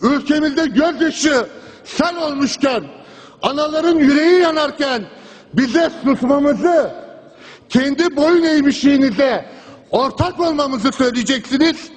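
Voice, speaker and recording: This MP has a very high voice and keeps a measured pace as he addresses parliament from the rostrum, driving a recurring refrain with impassioned force. Interruptions don't stop him. A long reverb from the large hall hangs on every line.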